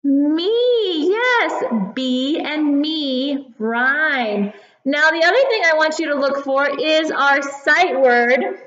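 High-voiced, slow-paced woman teaching little children. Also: animated, a bit bright, roomy sound, dull audio. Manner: simple, deliberate, encouraging talk as if reading to a toddler. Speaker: kindergarten teacher. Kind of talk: teaching and reading aloud to young children. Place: classroom, indoors.

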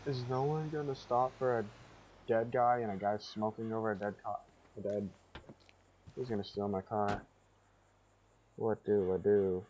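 A man's voice: lowish voice, steady tone, a little slow, pauses often, a little mellow, a little hiss or hum. A man giving gameplay commentary, rambling through confused asides to himself. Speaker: gamer.

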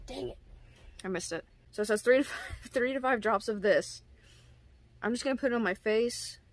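A woman's voice: on the high side, moderate pace, no room sound. Woman, casual vlogger, giggly and self-deprecating, dry close sound. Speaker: product reviewer. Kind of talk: casual product review vlog.

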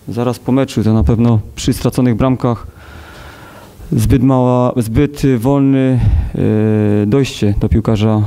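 Male coach in his thirties, very dark voice, hesitant, measured, many fillers, press conference table mic. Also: medium pitch. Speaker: football coach. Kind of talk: post-match press conference. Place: press conference room with sponsor wall.

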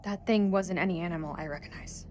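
A woman's voice: on the low side, fast talker, darkish tone, soft background music, natural voice. An actress playing a tough, guarded female survivor with a blunt, serious manner in a cinematic horror game. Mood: concerned, guarded.

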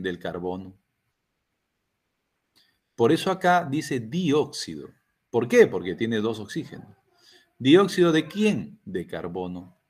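A man's voice: a little high, a little mellow. An older man with a Peruvian Spanish accent teaching a chemistry class, asking students questions and answering them himself. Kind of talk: classroom lecture.

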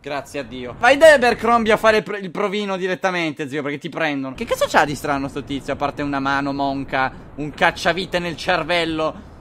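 A young man giving crude, sarcastic commentary while playing a game, often yelling. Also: on the high side, lively intonation, fairly quick, slight background noise. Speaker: gaming video host. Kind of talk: casual gameplay commentary.

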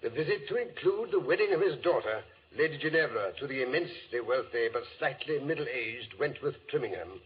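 An actor playing a genial elderly English doctor, a wordy storyteller in a 1940s radio drama. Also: male voice, medium pitch, expressive, a little fast, few pauses, lightly acted. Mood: storytelling. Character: elderly English doctor reminiscing genially, Holmes's old companion. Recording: muffled, hissy 1940s radio recording.

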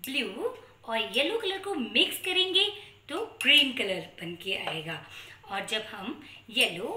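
A woman's voice: a little high, sing-song, takes it slowly, bright, forceful tone. A woman in her thirties with an Indian accent, a kindergarten teacher presenting a children's lesson in sing-song, questioning teacher talk with playful kids' magician patter. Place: small room at home, indoors. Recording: echoey small room.

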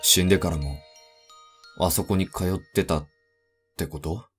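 A man narrating a first-person horror story in a deliberate, suspenseful way. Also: low-pitched. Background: background music.

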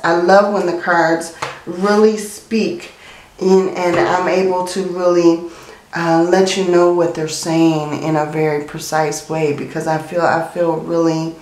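A woman's voice: fairly low pitch, a little mellow, reverberant, rough recording. A woman with a congested, stuffy nose gives a casual, reassuring tarot reading straight to the viewer, often checking in with short questions. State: congested sinuses. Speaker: tarot card reader, host.

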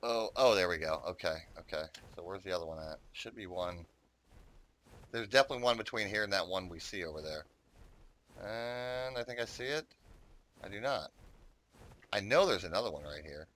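A man's voice: sits low, expressive, moderate pace, long pauses, a bit bright. A man giving casual, rambling commentary on his own gameplay, chatting to viewers and swearing often. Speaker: gaming YouTuber.

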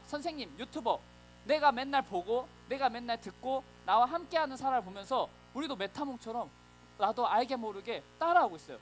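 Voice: mid-range voice, a little hiss or hum, rough recording. A preacher giving a children's Sunday sermon, storytelling animatedly and acting out voices.

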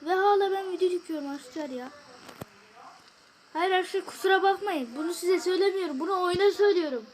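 A woman's voice: very high-pitched, fast, slight background noise. A woman hosting a gaming channel, commenting on a mobile game while venting her exasperation to viewers.

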